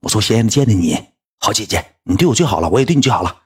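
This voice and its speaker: A man with a Northeastern Chinese accent telling a rambling anecdote in a casual, animated way, breaking into mocking high-pitched rants. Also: racing, slightly rough. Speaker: storyteller.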